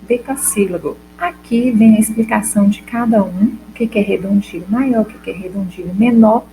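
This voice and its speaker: Mellow-voiced Brazilian woman teaching a class. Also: medium pitch, normal speed, a little hiss or hum, rough recording. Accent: Brazilian Portuguese. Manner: explanatory, asks the class questions and answers them. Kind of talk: recorded class lesson. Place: classroom or home for a school video lesson.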